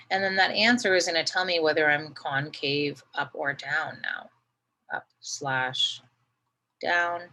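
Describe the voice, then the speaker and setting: A woman's voice: deep voice, a bit bright, a little hiss or hum, poor audio. A woman teaching a math lesson, patiently talking through each step and often checking in with "right?".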